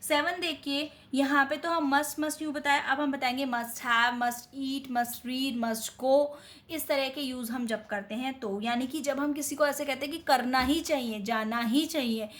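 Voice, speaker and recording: Indian lady teaching english grammar, pretty high voice, reads the examples real slow then rattles off the explanation. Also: fairly even intonation, fairly bright tone. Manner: explains slowly, reading English examples carefully, then adding quick Hindi asides; keeps checking in with "theek hai?". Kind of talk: explanatory lesson.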